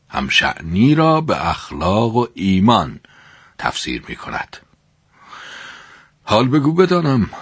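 A man voicing a devout male companion in a religious story, speaking earnestly and slowly. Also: sits low, a bit bright, slightly rough, no room sound, clean studio sound, heavily acted.

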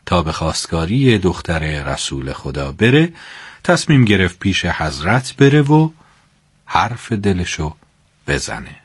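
A man narrating a religious story in an expressive, dramatic storytelling manner. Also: on the low side, husky, dry recording.

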